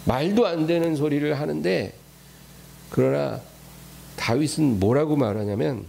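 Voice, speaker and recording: A man's voice: fairly high pitch, a little slow, gravelly, darkish tone, a little hiss or hum. A middle-aged male pastor preaching a sermon in a colloquial, emphatic way, repeating key lines for weight.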